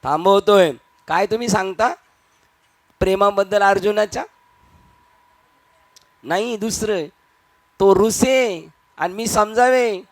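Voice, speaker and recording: Animated high-voiced preacher. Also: male voice, takes it slowly, pauses often, dry recording. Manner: animated, acting out quoted voices, rhetorical questions. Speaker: kirtan preacher. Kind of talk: devotional discourse.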